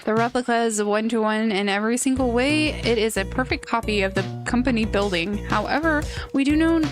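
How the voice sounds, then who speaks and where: A woman reading out a dull, bored businessman who speaks in a flat, formal way while giving a presentation. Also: on the high side, fairly quick, natural voice. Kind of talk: reading game dialogue aloud. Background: game music.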